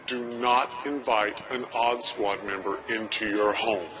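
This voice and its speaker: A man's voice: lowish voice, steady tone, measured pace, over loud music, close to an everyday voice. An actor playing a grumpy adult man in a children's TV comedy, delivering his lines with exaggerated comic emphasis. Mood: grumpy warning.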